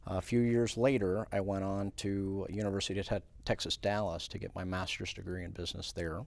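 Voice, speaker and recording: A man from Puerto Rico, a credit union president, answering questions in a studio interview in a measured way with many fillers. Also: sits low, little pitch movement, creaky.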